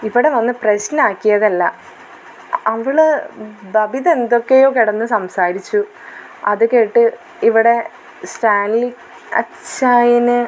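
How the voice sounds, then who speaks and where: A woman voices a hurt young woman in a retold family drama. She complains in an aggrieved, halting way. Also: on the high side, steady tone, a little hiss or hum, poor audio.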